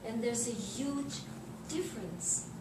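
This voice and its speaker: A middle-aged woman with an Israeli accent tells personal anecdotes in an informal interview, halting and searching for words. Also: a little high, expressive. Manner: halting, searching for words in non-native English. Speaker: journalist being interviewed. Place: indoors in a living room, seated on an armchair. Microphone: distant camera microphone. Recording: roomy, noisy recording from a distance.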